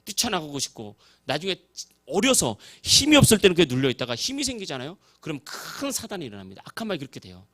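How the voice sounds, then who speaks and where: Male pastor, high and very expressive voice, storytelling sermon in a church. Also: quick pace. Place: church sanctuary.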